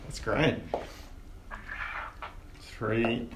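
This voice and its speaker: A man narrating as game master of a tabletop game, relaxed and rambling with many fillers. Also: medium pitch, very slow. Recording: echoey room with faint hiss.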